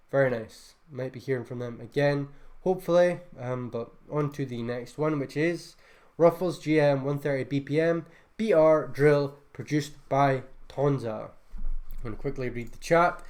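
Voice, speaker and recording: A music producer with a mid-range, slightly mellow voice reviews beats on a casual livestream. He sounds laid-back and enthusiastic, loose with filler words, while a beat plays faintly behind him.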